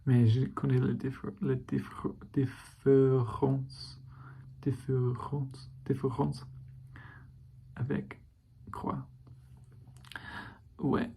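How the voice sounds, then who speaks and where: A man with an English accent speaking halting French as a learner in a casual video diary, often stopping to search for words. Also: medium pitch, little pitch movement, creaky, mellow, slight background noise.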